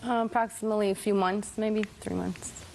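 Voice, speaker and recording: A woman's voice: mid-range voice, steady tone, brisk, gravelly, a little mellow, slight background noise, low-quality recording. A woman plaintiff in a television court, giving brief, hesitant answers to questions.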